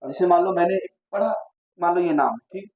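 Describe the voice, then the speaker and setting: Mellow-voiced chatty physics teacher, man. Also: high voice, brisk, highs cut off. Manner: chatty, asks the class questions, jokes and digresses. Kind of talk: classroom lecture.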